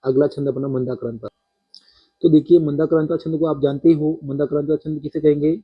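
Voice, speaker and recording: A man teaching a poetry-meter lesson, counting syllables aloud slowly and speaking directly to his students. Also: on the high side, steady tone, husky, narrow, tinny audio.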